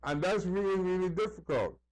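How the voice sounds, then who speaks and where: In poor-quality audio, a man with a high voice vlogs in a loose, meandering way, talking fairly quickly. He tells anecdotes, mimics what others said, repeats himself and leans heavily on "you know."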